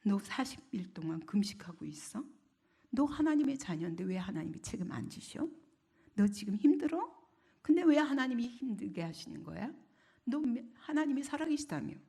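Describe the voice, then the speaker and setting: A woman's voice: a little high, big pitch swings, creaky, dark tone, slightly rough, exaggerated voice. A woman voicing a scornful devil who taunts believers with mocking questions. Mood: jeering. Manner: mocking rhetorical questions, quick and jeering.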